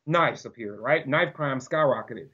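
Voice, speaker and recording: Podcast guest, male, husky, heated and argumentative, lo-fi sound. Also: mid-range voice, measured pace. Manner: animated, argumentative, often acts out quoted voices. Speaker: podcast guest, gun-rights advocate. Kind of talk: casual podcast conversation. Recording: dull lo-fi audio.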